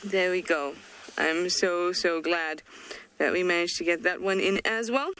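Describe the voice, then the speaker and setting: A woman's voice: lowish voice, normal speed, a bit bright, clear, resonant tone. A woman guiding a live safari outdoors, chatty and playful as she describes birds. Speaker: safari guide. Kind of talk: live wildlife commentary. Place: outdoors in the bush.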